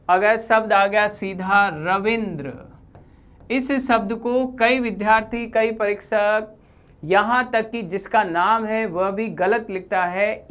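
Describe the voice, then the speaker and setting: A woman teaching Hindi grammar, explaining deliberately and repeating key terms while pointing to examples on a board. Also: medium pitch.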